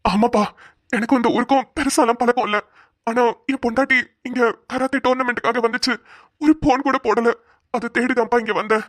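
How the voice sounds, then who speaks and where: A woman's voice: fairly high pitch, steady tone, a little fast, no room sound, clean studio sound, lightly acted. A woman voicing a flustered man who is lost in an unfamiliar city and asks strangers for directions in a cartoon. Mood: relieved. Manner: flustered, pleading, stumbling.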